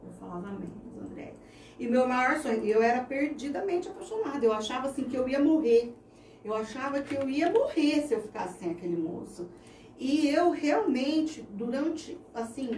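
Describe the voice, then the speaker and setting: A woman's voice: on the high side, darkish tone. A woman in her thirties with a Brazilian Portuguese accent, giving a heartfelt personal faith testimony as an interview guest. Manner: earnest, heartfelt storytelling. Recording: echoey room, distant mic, faint noise.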